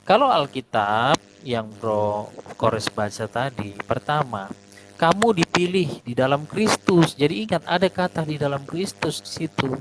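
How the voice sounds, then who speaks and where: Man, debater on a glitchy voice call with his voice dropping in and out, measured and methodical, noisy hum. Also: a little high, animated. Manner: methodical, quotes verses, hesitates with eh. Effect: voice breaking up over a bad online connection. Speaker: debater in an online voice-chat religious debate. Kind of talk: argumentative debate over a voice chat.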